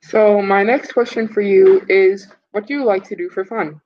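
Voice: mid-range voice, steady tone, normal speed, lo-fi sound. A student interviewer politely reads out prepared questions.

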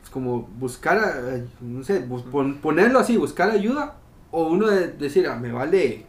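A man's voice: fairly high pitch, lively intonation. A young man with a Costa Rican accent, chatting casually on a podcast and often hunting for his words. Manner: halting, searches for words, restarts. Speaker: podcast co-host. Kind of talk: casual chat. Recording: echoey room with faint noise.

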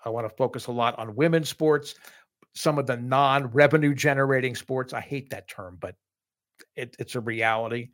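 A man's voice: mid-range voice, moderate pace, fairly bright tone. A middle-aged man co-hosting a college sports podcast, talking casually and with enthusiasm, often restarting his sentences. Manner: enthusiastic, repeats words and restarts. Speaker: podcast co-host.

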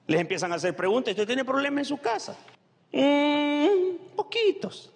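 A man preaching a sermon as pastor, rattling off long word lists and calling out to his congregation, sometimes rising to a shout. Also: high-pitched, expressive, fast talker, long reverb tail. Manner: calls out to the congregation.

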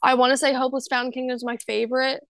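A woman's voice: high-pitched, little pitch movement, racing, a bit bright, no echo. A young woman co-hosting a music podcast in casual chat, emphatic and swearing freely, often trailing off and restarting. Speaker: podcast co-host.

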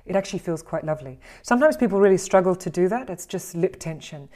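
A woman with an Australian accent, teaching voice and speaking skills in an animated, encouraging way and acting out the exercises she describes. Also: lowish voice, quick pace, very noisy. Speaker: voice and communication coach. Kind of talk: instructional talk on speaking skills.

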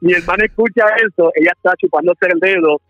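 Puerto Rican male caller in his 30s, higher voice, muffled dry phone line. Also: fast talker, a bit bright, dry recording, faint music behind. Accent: Puerto Rican Spanish. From Puerto Rico. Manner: friendly storytelling, laughs often. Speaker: phone-in guest preacher. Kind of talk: phone interview testimony.

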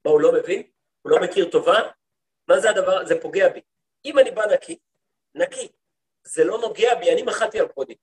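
Higher-voiced man giving a lively lecture. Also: long pauses. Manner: lively storytelling, acts out quoted speech; talks to the listeners, asks them questions. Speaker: rabbi teaching a class. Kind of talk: lecture to a women's study group.

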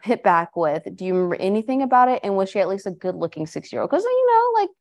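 A woman co-hosting a podcast in a studio, talking in a loose, chatty way. She reads listener stories aloud and breaks in with her own quick asides. Her pitch is in the middle range for a woman. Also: sing-song. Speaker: podcast co-host. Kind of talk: casual podcast chat.

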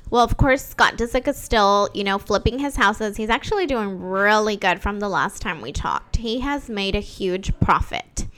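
Bright, chatty woman co-host. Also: mid-range voice, moderate pace, hardly any pauses. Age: adult mother. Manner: bubbly, chatty, emphatic. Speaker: co-host of a real estate news show. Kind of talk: casual chat.

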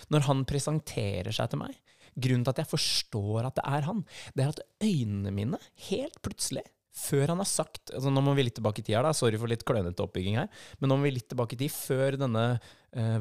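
A Norwegian man on a podcast microphone tells a story in a lively, unscripted way, slipping into the voices of the people he describes. His voice sits at an ordinary middle pitch for a man. The recording is close and dry, with no room sound. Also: dry recording. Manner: vivid, acts out quoted voices in his story. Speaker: podcast co-host.

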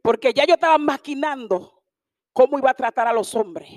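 Woman preacher, high voice, impassioned and emphatic, dry close sound, faint music behind. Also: animated, normal speed, dry recording. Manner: impassioned, emphatic, at times shouting. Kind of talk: sermon.

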